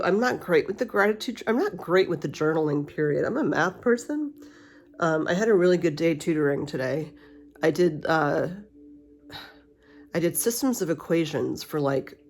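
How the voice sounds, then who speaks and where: A middle-aged woman speaks a little slowly in a low voice, a retainer giving her a slight lisp, as she rambles candidly through a casual personal vlog. Soft spa music plays faintly beneath the steady hiss of a cool mist humidifier.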